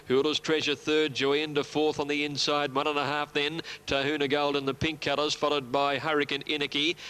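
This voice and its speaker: A man's voice: on the high side, bright, forceful tone, clean tone. A man commentating live on a horse race.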